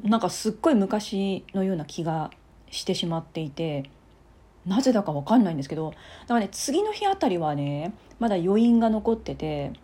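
A woman hosting her own podcast, chatting casually and softly with little laughs and asides. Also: medium pitch, husky. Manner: chatty, soft-spoken, giggly asides. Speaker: podcast host. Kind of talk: casual solo talk.

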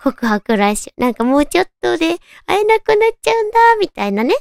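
A woman with a naturally cute, girlish anime-style voice hosts a casual solo radio chat, talking to her listeners in a cutesy, animated way. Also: very high voice, fast, vocal fry, dry recording, studio quality. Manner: cutesy, animated, addressing listeners with soft questions. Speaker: radio show host.

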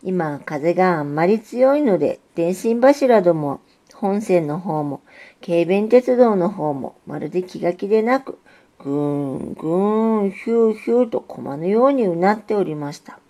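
A woman narrating a storybook in a calm, measured reading. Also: lowish voice.

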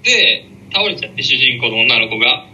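A man with a very bright, buzzy voice chats casually on a podcast, his pitch jumping up and down as he rambles through a story. He talks fast and keeps getting the details tangled. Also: dull audio, slight background noise. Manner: animated, rambling storyteller who mixes up details. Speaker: podcast co-host. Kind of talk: casual chat.

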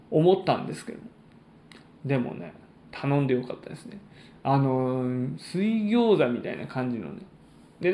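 A man hosting a solo podcast, chatting in polite, formal announcer-like phrasing with frequent pauses. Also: fairly high pitch, creaky, darkish tone, reverberant. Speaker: podcast host and stand-up comedian.

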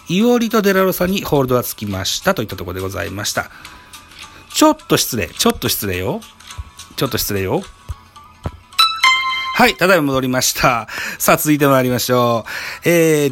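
Casting: man to host a baseball recap, very polite and formal in announcer style, medium pitch, light music bed. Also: fairly bright tone. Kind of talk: baseball game review commentary.

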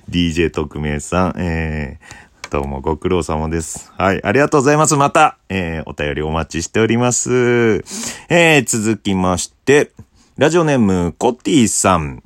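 Low-voiced man, lively swings in pitch. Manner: bashful, laughs at himself, drifts between low murmurs and high bursts. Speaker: podcast host reading listener letters. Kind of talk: casual solo talk show.

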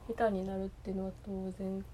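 A woman with a Kansai accent from Osaka, talking alone in a loose, meandering chat. Her voice sits at a middling pitch, and she stops and restarts her sentences often. A faint noise hums under her voice. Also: little pitch movement, fairly quick, warm tone. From Osaka, Japan. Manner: rambling, hesitant, full of fillers and restarts. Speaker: podcast host. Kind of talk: casual solo chat.

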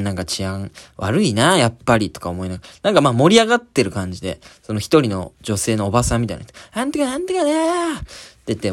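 A man hosting a podcast, telling a story in a casual monologue and acting out scenes with sound words. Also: mid-range voice. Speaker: podcast host.

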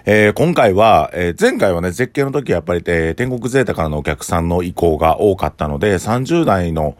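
A man with a Kansai accent, a restaurant owner hosting his own podcast in a relaxed, rambling way with many filler sounds. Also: sits low, brisk, no echo. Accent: Kansai Japanese. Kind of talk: casual solo podcast talk.

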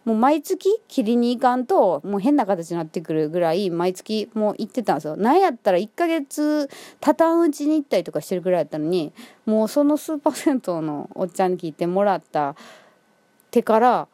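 Kansai woman, solo chat host; bouncy, expressive delivery, laughs a lot, close and dry. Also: medium pitch, a little fast, dry recording. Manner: chatty, laughs often, many fillers. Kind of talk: casual solo monologue.

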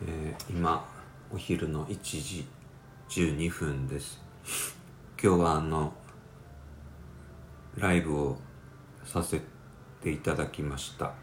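A man's voice: very deep voice, steady tone, slow pace, long pauses. A man with a stuffy nose from a cold, rambling in a casual solo talk with many fillers. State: congested, nasal from a cold. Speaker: podcast host. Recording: roomy with faint background noise.

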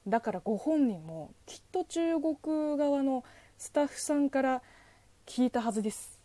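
A woman's voice: high voice, animated, normal speed, mellow, no echo. Playful woman with a Chinese accent. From China. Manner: playful, teasing asides to listeners. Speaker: podcast host. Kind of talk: solo podcast answering a listener letter.

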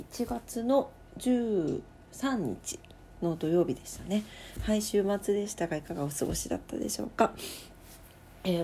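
A woman hosting her own late-night talk show from home, rambling and thinking aloud with many pauses. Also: fairly low pitch, darkish tone, slight background noise. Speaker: podcast host. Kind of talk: casual late-night solo chat.

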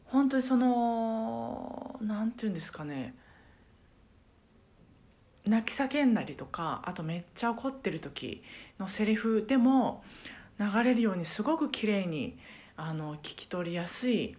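A woman who teaches karaoke, talking alone on her podcast in a casual, thoughtful way, pausing often with soft fillers. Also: medium pitch, expressive. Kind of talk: casual solo podcast talk.

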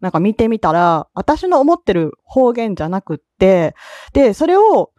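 A woman's voice: medium pitch, very animated, moderate pace, dark tone, no room sound. A woman with an Osaka Kansai accent hosting a casual solo podcast, chatty and laughing often between her words. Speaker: podcast host.

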